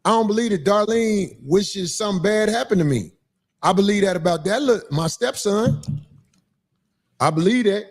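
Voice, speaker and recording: A man hosting a livestream, telling stories in casual chat with animated, profane delivery. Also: high voice, normal speed. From Chicago, Illinois. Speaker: livestream host.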